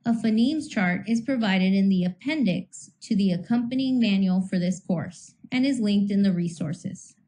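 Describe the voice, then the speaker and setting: A woman reading a scripted teaching lecture in a measured way, slowing down to sound out individual speech sounds. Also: mid-range voice, dark tone, slight background noise, poor audio. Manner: measured, slows to sound out phonemes. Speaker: instructor.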